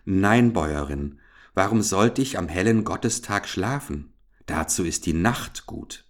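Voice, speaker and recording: A man's voice: lowish voice, expressive, unhurried. A man voicing a poor, modest and honest young maid who answers timidly in a fairy tale reading. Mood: humble.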